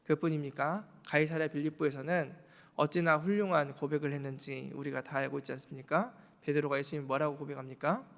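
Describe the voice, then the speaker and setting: A man delivers a Wednesday evening sermon in a church sanctuary, his voice sitting slightly high. He leans on rhetorical questions and repeats key words for emphasis. The sound carries a long reverb from the hall. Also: steady tone, fairly quick, fairly bright tone. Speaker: pastor.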